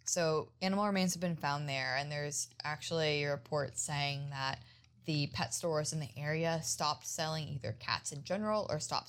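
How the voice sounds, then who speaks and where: A woman with a somewhat low voice leads a casual chat, recounting what she has read. She talks in a relaxed, easygoing way and laughs easily. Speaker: podcast co-host presenting the research. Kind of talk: casual conversational storytelling.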